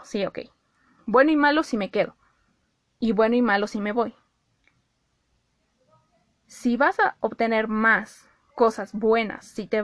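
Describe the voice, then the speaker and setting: Animated Mexican woman, bright higher voice. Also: no echo. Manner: animated, acts out her own inner dialogue. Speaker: vlogger giving life advice. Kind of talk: casual direct-to-camera talk.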